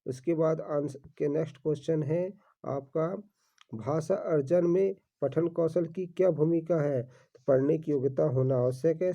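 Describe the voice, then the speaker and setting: A man's voice: a little high, warm tone. A man teaching exam-prep questions, reading each question and repeating the answer while calling viewers his friends. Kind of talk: exam-prep quiz walkthrough. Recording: dull lo-fi recording.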